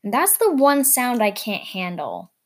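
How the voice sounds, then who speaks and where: A woman's voice: fairly high pitch, wildly swooping pitch, a little slow. A young woman hosting a casual vlog, chatting in an upbeat, rambling way with lots of fillers. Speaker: vlog host.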